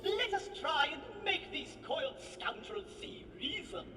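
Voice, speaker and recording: A woman's voice: very high-pitched, very animated, a little slow, bright, forceful tone, recorded from a distance, exaggerated voice. A woman voicing a prim, genteel tea merchant in a video game, pompous, fretful and full of old-fashioned exclamations. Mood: indignant. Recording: echoey hall reverb, music behind.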